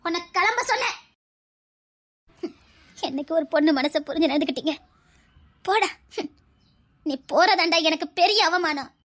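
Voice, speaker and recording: A woman's voice: very high-pitched, lively intonation, moderate pace, pauses often, a bit bright. A woman voicing a stern, grieving mother who scolds her grown son in a dubbed serial drama. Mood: dismissive. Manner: scolding, dismissive.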